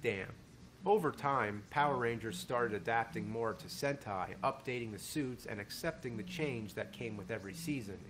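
A man narrates a video essay at a middle pitch, chatty and dry, with the odd wry aside. A faint hiss sits under the recording. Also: moderate pace, a bit bright, low-quality recording. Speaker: commentator.

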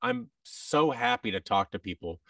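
This American podcast guest, a voice actor in his thirties, talks casually at a moderate pace, restarting often and acting out dialogue. His mid-range voice is gravelly, pushed, and bright, with wildly swooping pitch, heard on a distant mic with no room sound. He's on a video call from a big room with tables, wearing a boom-arm headset mic.

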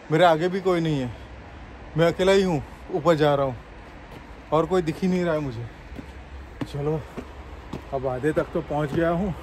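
A man from Gujarat, India, films a walking tour vlog and keeps excitedly telling viewers to look around. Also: on the high side, a little hiss or hum. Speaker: travel vlogger. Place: underground cafe, then outdoors on city streets. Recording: music playing behind the voice.

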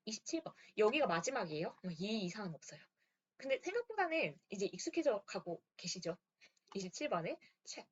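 A woman teacher works through grammar exercises one by one, checking now and then that her students are keeping up. Her voice is a little husky and swings widely in pitch. The recording sounds dull and lo-fi. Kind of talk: lesson walkthrough.

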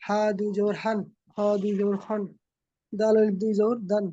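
A man student reciting letter drills in a steady, even way for his teacher. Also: sits high, moderate pace, no echo, dull audio.

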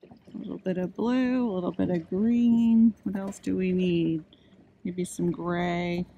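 A woman's voice: lowish voice, fairly even intonation, measured pace, gravelly, dark tone, lo-fi sound. A middle-aged woman chatting casually as she paints watercolors from a kayak on a lake. She thinks aloud and pokes fun at herself, sounding hot and a little out of breath, and she records into a phone held in her hand. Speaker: watercolor artist. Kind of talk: casual chat while painting. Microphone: phone camera held in hand.

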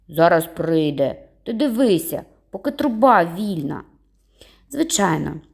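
A woman reading a children's story aloud, voicing the characters in livelier, higher tones. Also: creaky, breathy edge. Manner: lively, voices characters with raised pitch. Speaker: audiobook reader. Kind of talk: storybook narration with voiced dialogue.

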